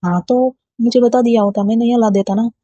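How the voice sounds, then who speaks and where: A woman reading a storybook voicing a patient, caring middle-aged father who speaks softly and reassuringly. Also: on the high side, steady tone, fairly quick, no echo, pitched above the performer's own voice, close to an everyday voice. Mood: gentle. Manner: soft, reassuring. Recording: dull lo-fi dry recording.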